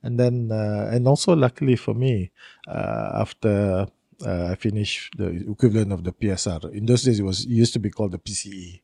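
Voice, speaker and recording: Brief: man, 60s, from Brunei, guest, low husky gravelly voice, dry close sound, rambling storyteller. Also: a little fast, warm tone, no room sound. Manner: rambling, storytelling with laughs and restarts. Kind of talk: casual interview chat.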